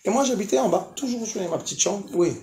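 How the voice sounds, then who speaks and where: A man's voice: sits high, fast talker. A man in his fifties or older, a rabbi telling a story to a live audience, acting out the dialogue and laughing as he tells it. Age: 50s or older. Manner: animated, acts out dialogue, laughs while telling. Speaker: rabbi giving a lecture. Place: lecture hall. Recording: echoey lecture hall, faint noise.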